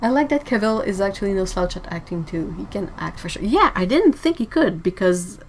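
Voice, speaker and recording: A woman hosts a relaxed livestream, chatting freely and responding to viewers' messages. Her voice sits at an ordinary middle pitch, and her easy talk is often broken by laughter. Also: brisk, slight background noise, rough recording. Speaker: livestream host. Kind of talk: casual livestream chat.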